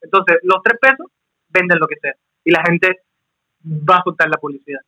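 A man's voice: fairly high pitch, moderate pace, bright, forceful tone, poor audio. A Cuban man speaking as a guest in a casual chat, explaining his points in a conversational way. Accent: Cuban Spanish. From Cuba. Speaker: YouTuber guest.

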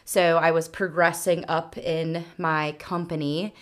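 Podcast guest: woman, twenties, Wisconsin-raised, low-pitched, easygoing rambling chat. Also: level tone, takes it slowly. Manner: chatty, many filler words and restarts. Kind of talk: casual chat.

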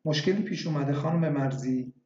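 A man reading a story voices a doctor who asks measured, probing questions. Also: fairly high pitch, darkish tone, slight background noise, natural voice. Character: calm questioning male doctor. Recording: echoey, dull lo-fi recording.

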